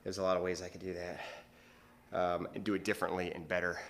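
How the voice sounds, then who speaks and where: A male bodybuilder chats casually to his viewers in a vlog, his low voice rambling and hesitant, full of fillers and restarts.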